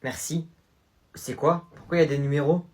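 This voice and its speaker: A man's voice: fairly high pitch, steady tone, moderate pace. A young man acting in a casual comedy sketch, with playful, slangy delivery.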